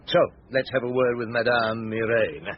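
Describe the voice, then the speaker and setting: An actor playing a patient, brooding chief inspector in a radio drama, with a dry, musing, courteous manner. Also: male voice, mid-range voice, moderate pace, lightly acted. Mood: businesslike, wry. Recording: dull lo-fi radio drama recording, hiss.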